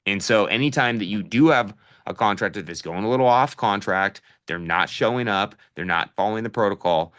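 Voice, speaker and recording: Casual man coach, middle-aged, bright forceful tone, direct and practical. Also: fairly low pitch, a little fast, hardly any pauses. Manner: casual, addresses listeners as "you guys"; direct practical advice with fillers. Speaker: real estate investing coach. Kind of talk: live online coaching session.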